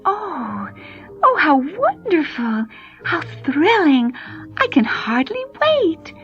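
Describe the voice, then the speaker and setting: Woman doing a shy sweet servant girl, high and breathy, stammers, dull old record w/ faint music. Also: sing-song, a little slow, heavily acted. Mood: delighted.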